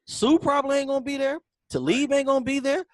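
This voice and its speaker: A man on a casual sports podcast, emphatic and quick to jump in with agreement. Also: very high voice. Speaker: podcast guest.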